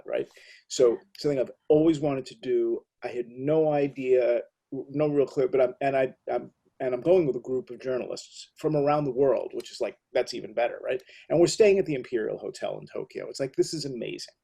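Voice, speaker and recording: Excitable middle-aged american guy hosting, dark mellow voice. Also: mid-range voice, a little fast, gravelly, breathy edge. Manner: enthusiastic, rambling storyteller. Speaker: host. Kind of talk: casual interview talk.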